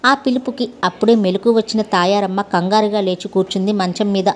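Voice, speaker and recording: Calm woman storyteller. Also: medium pitch, fairly quick. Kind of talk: scripted story narration.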